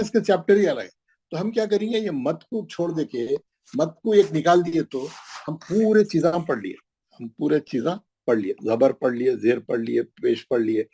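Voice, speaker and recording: A man teaches a recitation class, sounding out syllables one by one and pausing to ask whether his students follow. His voice is gravelly and husky, with a dark, mellow tone. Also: medium pitch. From Hyderabad, India. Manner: drills syllables slowly, checks in with "right?". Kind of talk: classroom lesson.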